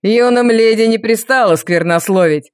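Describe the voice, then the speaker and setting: A woman's voice: on the high side, normal speed, darkish tone, clear, resonant tone, dry recording, studio quality, lightly acted. A woman voicing a cruel, mocking male viscount with a sneering, taunting manner in an audiobook. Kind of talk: audiobook character voice.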